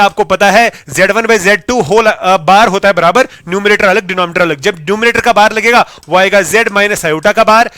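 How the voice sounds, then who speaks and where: A man with a high, bright voice teaches a maths exam solution. He repeats each step for his students and slows down to dictate formulas. The recording is dry and close. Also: dry recording. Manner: addresses students as "beta", repeats steps, mixes Hindi and English; dictates formulas slowly, explains in quick bursts.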